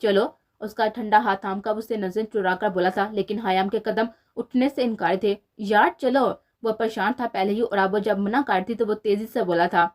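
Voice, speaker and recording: A woman narrating a romance novel as scripted storytelling, in a steady, even reading manner. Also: medium pitch, few pauses.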